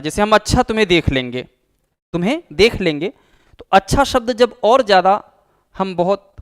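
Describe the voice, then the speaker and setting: A man with a high-sitting voice teaches a Hindi grammar lesson for exam prep, explaining patiently, repeating key terms, and acting out example phrases.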